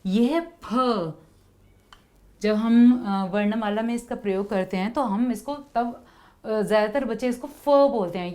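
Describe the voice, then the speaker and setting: A woman teaching young children, explaining slowly and patiently, repeating letter sounds and pausing on fillers. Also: medium pitch, mellow. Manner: frequent hesitation fillers. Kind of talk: Hindi lesson for children.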